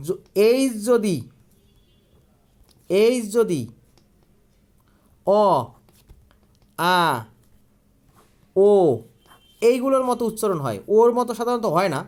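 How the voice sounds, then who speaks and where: A man teaching an online grammar lesson. He asks questions, answers them himself and repeats key words. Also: sits high.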